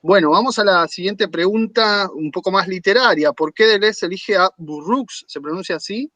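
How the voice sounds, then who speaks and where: A man leads an online academic panel, measured and explanatory as he puts questions to the guests. His voice sits fairly high for a man, and the call audio is dry and close. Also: bright, forceful tone, dry recording. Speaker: panel coordinator. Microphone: video call.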